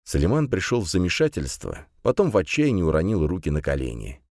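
Low-voiced male audiobook narrator. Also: huge pitch swings, fairly quick, a little mellow, no room sound, studio quality. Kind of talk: scripted narration.

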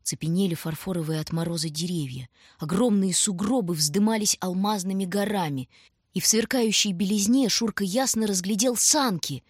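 A woman narrating an audiobook story in a calm, measured way. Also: mid-range voice, breathy edge, dry recording, clean studio sound.

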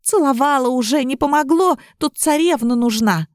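A woman's voice: high voice, moderate pace, no echo, studio quality, voice pushed up, close to an everyday voice. A woman voicing a flustered young witch girl who pleads and sniffles in an audiobook. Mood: pleading.

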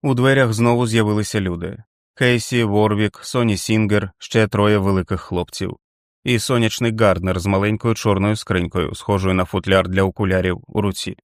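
A man narrating an audiobook in a steady, dramatic reading. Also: fairly low pitch, moderate pace, smooth, no echo, studio quality.

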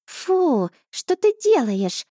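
A woman's voice: high-pitched, very animated, extremely slow, dark tone, no echo, clean studio sound, pitched above the performer's own voice, heavily acted. A woman voicing a feisty, proud female cat familiar who snaps and scolds. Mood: indignant. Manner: snappy and scolding.

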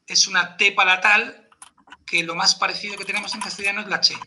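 A man's voice: high voice, level tone, a little fast, sharp tone. A man explaining pronunciation rules step by step in a patient teaching chat, checking in with his listener. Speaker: podcast presenter teaching Elvish pronunciation.

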